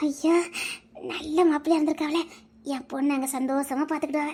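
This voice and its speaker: Doting older mother-in-law played by a woman, fond, chatty, low and high by turns. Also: level tone, fairly quick, mellow. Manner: fond, laughing, rural speech.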